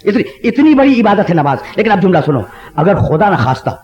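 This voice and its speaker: A man, a religious scholar, delivering a Muharram sermon to a large outdoor gathering, asking the crowd rhetorical questions and rising to impassioned shouts. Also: high voice, big pitch swings. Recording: echoey, dull lo-fi 1990s tape of loudspeakers.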